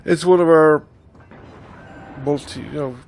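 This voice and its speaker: Faint music plays behind a fairly high, slightly mellow male voice with vocal fry, moving at a measured pace. He's a YouTuber from Ireland in his fifties with a cold-clogged nose, hesitantly rambling with many ums as he records a casual vlog update at his stand-mounted desk microphone.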